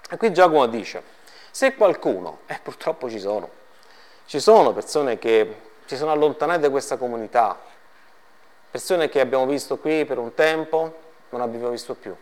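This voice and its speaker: A man's voice: medium pitch, lively intonation, moderate pace, darkish tone. A man preaching a sermon to a congregation, reading Bible passages and putting rhetorical questions to his listeners before answering them. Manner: addresses the congregation directly, lightly joking.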